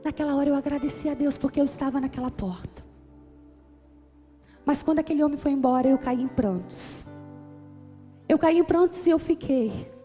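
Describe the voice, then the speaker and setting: A woman's voice: high-pitched, steady tone, a little fast, dark tone. A woman with a Brazilian Portuguese accent preaching a sermon, telling a personal story earnestly and building to emphatic appeals. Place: church auditorium. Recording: church hall with long reverb, faint music.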